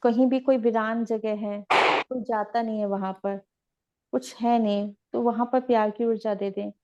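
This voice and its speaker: A woman teaching meditation in a gentle, repetitive, instructive way. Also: fairly high pitch, steady tone, moderate pace, dull audio. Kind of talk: guided spiritual teaching.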